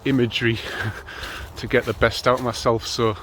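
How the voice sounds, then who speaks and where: Filming himself on a handheld camera during a snowy morning run, a man in his thirties from North East England chats in a relaxed, wandering way with lots of ums. His pitch is medium and his speed normal, with slight background noise behind him.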